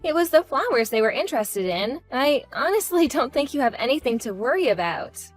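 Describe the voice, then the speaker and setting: A meek daughter-in-law, played by a woman in an audio drama, speaking in a high voice. She is polite, placating and keen to please, with faint music behind her. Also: sing-song, fairly quick. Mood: apologetic. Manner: apologetic, placating. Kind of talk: scripted audio drama acting.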